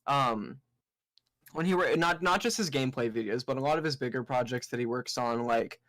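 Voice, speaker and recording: A man's voice: medium pitch, fairly quick, a bit bright, no room sound. A young man, a podcast guest, talking earnestly and at length in casual chat. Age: young adult. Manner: earnest, explains at length with restarts.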